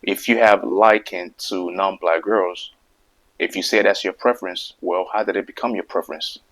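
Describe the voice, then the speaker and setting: This video host speaks at normal speed in a low voice with fairly even intonation and a slightly bright quality, over rough-sounding audio. Talking casually to camera about his opinions, he stutters, repeats words, and returns to emphatic points repeatedly.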